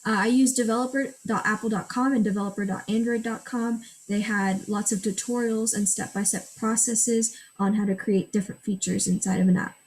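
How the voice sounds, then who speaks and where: A teenage girl whose first language is Gujarati reads a prepared school project presentation, walking through screenshots step by step. Her medium-pitched, darkish voice stays steady and fairly quick, with hardly any pauses. The recording is rough.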